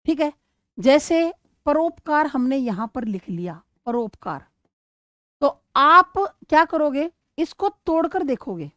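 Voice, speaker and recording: A woman with a high voice teaches an exam-prep grammar lesson at an unhurried pace. She keeps asking questions and answering them herself, and she sounds out words slowly to show their stress. The recording is close and dry. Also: animated, fairly bright tone, no echo.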